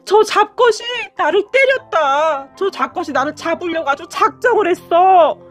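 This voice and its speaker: A woman voicing a scheming older mother-in-law who screeches drawn-out accusations in a story reading. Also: high voice, animated, fairly bright tone. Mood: accusing.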